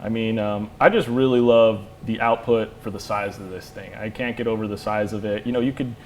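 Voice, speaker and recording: Guy casually walking through a light fixture, lots of you knows, faint rumble behind. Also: brisk. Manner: relaxed, rambling explanations full of "you know". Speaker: lighting product expert. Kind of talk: casual product demo chat.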